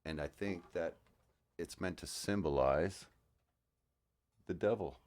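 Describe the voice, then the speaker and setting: A man's voice: low-pitched, measured pace. A man, a guitarist, casually breaking down a song in an explanatory, thoughtful way with frequent fillers. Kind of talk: casual music breakdown commentary. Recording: music playing in the background.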